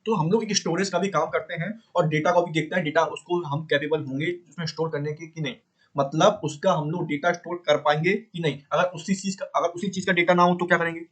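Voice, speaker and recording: Higher-voiced man teaching coding casually. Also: steady tone, fairly bright tone. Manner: repeats points, asks and answers own questions; frequent pauses to fix the drawing. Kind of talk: casual screen-drawing coding lesson.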